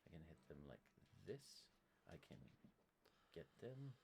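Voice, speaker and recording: A man's voice: low-pitched, very animated, a little slow, background noise. A man chatting casually while playing a video game, joking and exclaiming at the action. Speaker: gamer playing on stream. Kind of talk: casual let's-play chat.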